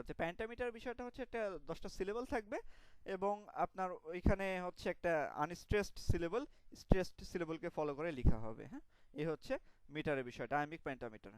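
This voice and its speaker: High-voiced male literature lecturer. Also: smooth, no echo, rough recording. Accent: Bangladeshi Bengali. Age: young adult. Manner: explanatory, with frequent fillers and self-corrections.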